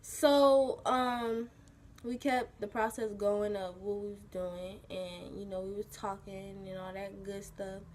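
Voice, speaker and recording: A teenage girl with a husky just-woken-up voice, telling a personal story as a vlogger in a rambling casual way, full of "like" and "you know". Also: mid-range voice, fairly even intonation, slow, a little mellow, a little hiss or hum. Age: teens.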